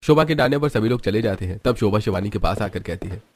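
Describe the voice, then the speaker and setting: A man's voice: lowish voice, expressive, fast, a little mellow. A man narrating a cartoon story in a plain, scripted storytelling style.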